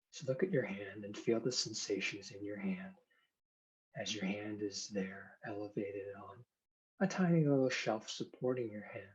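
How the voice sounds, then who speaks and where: A man speaking as a hypnotherapist, giving soothing, unhurried, gentle instructions in guided hypnosis and explanation. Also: lowish voice, dull audio. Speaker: hypnotherapist demonstrating a hand induction.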